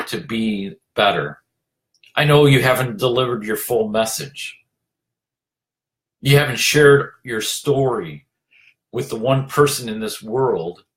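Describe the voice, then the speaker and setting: A man giving an earnest motivational talk as a leadership coach, urging listeners on, repeating his phrases and filling pauses with "you know". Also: on the low side.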